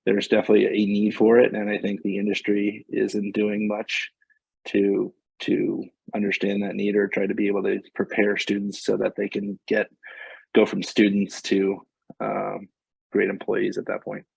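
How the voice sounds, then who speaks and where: A man speaking on a panel discussion in a flat, measured way. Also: lowish voice, creaky, breathy edge, dry recording, rough recording.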